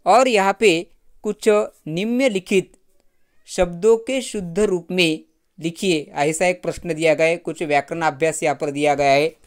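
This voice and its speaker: A middle-aged man teaching Hindi grammar, taking his time and reading words from a list one by one. His voice is smooth and clear, recorded close and dry. He often says a point twice. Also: a little high, a little slow, no echo. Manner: reads word lists aloud and repeats points. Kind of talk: grammar lesson.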